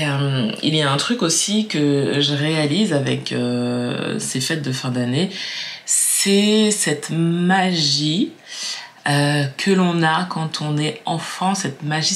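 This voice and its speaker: A young woman from Martinique chats to camera in a relaxed vlog. She muses aloud, circling back on her thoughts and repeating words as she goes. Faint background noise sits under her voice. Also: sits low. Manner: chatty, musing, many fillers and repeats. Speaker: vlogger. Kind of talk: casual reflective vlog.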